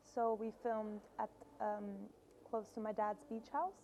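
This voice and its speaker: A woman from Brazil with a mellow, gravelly voice speaks in an even, level tone. She answers a festival interviewer thoughtfully, pausing often as she gathers her thoughts. Faint ambience sits behind her. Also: mid-range voice, dull audio, a little hiss or hum. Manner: thoughtful, with frequent pauses and fillers. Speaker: filmmaker guest. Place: film festival in Brussels.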